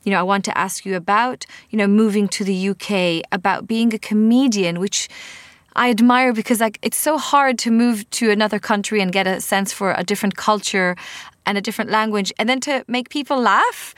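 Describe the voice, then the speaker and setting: A woman's voice: on the high side, moderate pace, fairly bright tone, no room sound, studio quality. A woman hosting a podcast, asking an admiring guest question and laughing easily. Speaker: podcast host. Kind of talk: interview questions.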